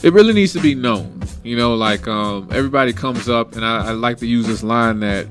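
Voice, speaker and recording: A man's voice: mid-range voice, a little fast. A man hosting a casual internet radio talk show, with laid-back, hyped banter. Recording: music bed under the voice.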